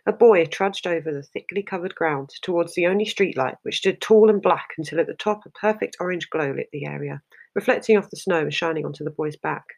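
A narrator reading a short story aloud in a steady, measured way. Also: mid-range voice, creaky.

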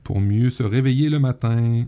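Man, podcast co-host, mellow, easygoing, casual chat. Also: medium pitch, normal speed.

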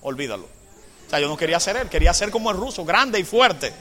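Man preaching, high bright voice, hushed asides then loud drawn-out proclamations, questions to the congregation, long church reverb. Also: very animated. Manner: asks the congregation rhetorical questions. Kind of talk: sermon.

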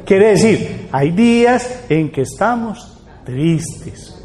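Older male lecturer, high-pitched, lively and chatty, reverberant hall. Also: extremely slow. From Colombia. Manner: lively, asks the audience rhetorical questions. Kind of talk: public talk to an audience.

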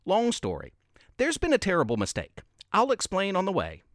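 A man voicing an eager male Christmas elf who talks quickly and urgently. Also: a little high, huge pitch swings, fairly bright tone, no room sound, clean studio sound.

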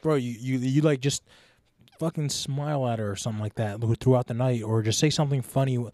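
A young man co-hosting a podcast, teasing his friend with quick banter full of "like" and "bro". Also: medium pitch, dark tone, no echo, studio quality. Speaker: podcast co-host. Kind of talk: casual chat.

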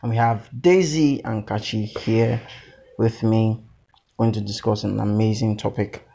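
A Nigerian-accented man hosting a podcast, chatting informally and playfully with animated teasing and Pidgin slang. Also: lowish voice, measured pace, creaky. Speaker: podcast host.

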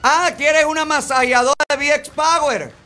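A man's voice: extremely high pitch, steady tone, moderate pace, bright, forceful tone, faint music behind. A man hosting a live call-in game show, teasing and joking with callers. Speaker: host.

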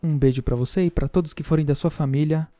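A man's voice: fairly high pitch, steady tone, fast, dark tone, dry recording, faint music behind. A man hosting a casual podcast, joking with and teasing his listeners. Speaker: podcast host.

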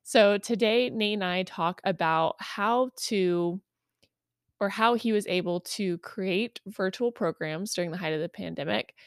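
A woman's voice: mid-range voice, a little slow, no echo, studio quality. A woman hosting a weekly podcast, talking in a chatty, upbeat way with plenty of fillers. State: just over a cold. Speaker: podcast host. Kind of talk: casual podcast intro.

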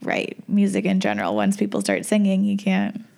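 A woman's voice: mid-range voice, very animated, a little fast, gravelly, a little mellow. A woman co-hosting a podcast in casual chat, chatty, enthusiastic and playful. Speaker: podcast co-host.

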